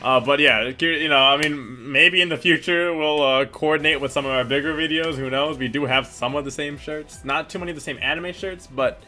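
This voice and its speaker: Young male co-host, bright tone, relaxed rambling chat, faint music bed. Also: on the high side, fairly quick, hardly any pauses. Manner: laid-back, rambling, lots of fillers and laughs. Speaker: channel co-host. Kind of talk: casual chat, answering viewer questions.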